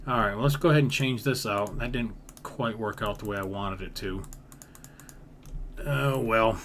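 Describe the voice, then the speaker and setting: This time his voice sits lowish and a bit bright as he narrates his game build. The gaming creator muses out loud in a relaxed way, circling back over the same points with homespun grammar, while keys clack amid background noise.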